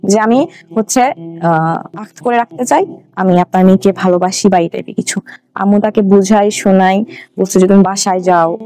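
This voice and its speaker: A young adult woman with a Bangladeshi accent speaks at a moderate pace in a mid-range, dark-toned voice. As a guest, she recounts her own life in a conversational, storytelling way.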